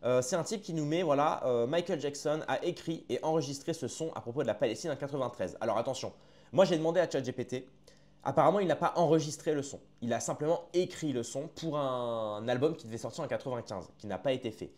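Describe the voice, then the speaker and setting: A man of middle pitch talks casually through a reaction video, chatty and familiar with his viewers. He often restarts his sentences as he works through his thoughts. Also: fast, a little mellow. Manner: chatty, addresses viewers as friends, hesitant with restarts. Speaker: online commentator.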